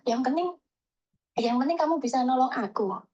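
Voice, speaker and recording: A woman calling in and telling a story in a lively, chatty way, acting out the lines people said to her. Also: high-pitched, normal speed, muffled recording. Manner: chatty, animated, acts out quoted dialogue. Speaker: caller. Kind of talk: casual storytelling phone call.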